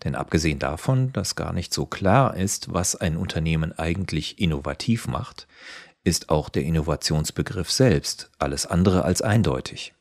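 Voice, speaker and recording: Deep-voiced man reading an essay. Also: vocal fry, no echo, clean studio sound. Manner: even, measured reading. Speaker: article reader. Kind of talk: scripted narration of an essay.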